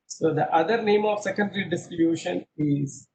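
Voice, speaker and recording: Over a video call picked up by his laptop webcam, a middle-aged man teaches an online class from a small room, quizzing students, repeating himself, and mixing English with Hindi. His voice is high and brisk, and the rough recording carries a slight hiss or hum.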